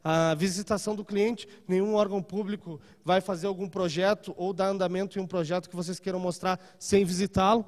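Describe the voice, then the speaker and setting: Man, thirties, seminar speaker, handheld mic, conversational, high-ish voice, long room reverb. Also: steady tone, a little fast, hardly any pauses, darkish tone. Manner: conversational, frequent "tá?" and "né?" check-ins. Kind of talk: live seminar talk on public tenders. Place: large hotel conference room. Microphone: handheld microphone.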